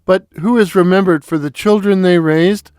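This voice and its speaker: A man reading his own open letter as satirical commentary, in a deliberate, mock-solemn manner. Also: high voice, fairly even intonation, darkish tone, smooth, no room sound, studio quality.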